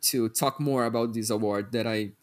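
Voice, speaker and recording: A man's voice: medium pitch, fairly even intonation, moderate pace. A man co-hosting a podcast, chatting casually and thoughtfully. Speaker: podcast co-host. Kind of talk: casual chat.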